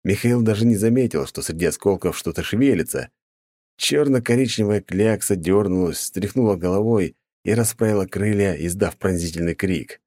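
A man narrating a first-person audiobook in a steady, measured reading. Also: lowish voice, no room sound, studio quality.

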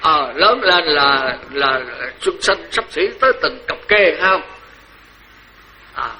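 Older man, Southern Vietnamese accent, monk, dharma talk, high-pitched, piercing tone. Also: takes it slowly, a little hiss or hum, poor audio. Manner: lively, joking, repeats phrases for emphasis. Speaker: senior Buddhist monk.

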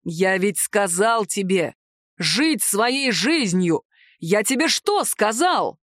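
Brief: stern fire-breathing dragon husband, read by a woman; harsh, slow, dropped in pitch. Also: no echo, studio quality, natural voice. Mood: angry. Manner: harsh, barking.

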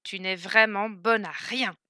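A woman's voice: mid-range voice, steady tone, a little slow, bright, forceful tone, no echo, clean studio sound. A woman voicing a poor male beggar who talks in a firm, scolding, commanding way. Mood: stern. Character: stern poor male beggar, gruff and bossy.

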